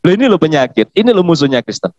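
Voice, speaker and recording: Animated high-voiced man preaching in chat. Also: very fast, no room sound. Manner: animated, emphatic, laughs often. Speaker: pastor. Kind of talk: casual podcast chat. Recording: dull, lo-fi podcast audio.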